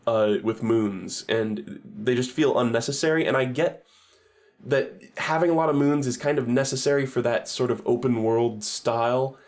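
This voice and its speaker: A man's voice: mid-range voice, a little mellow. Male streamer, mid-range voice, loose chatty review style, curses often and backtracks mid-thought. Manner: rambling, sweary, self-correcting. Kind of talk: casual stream commentary.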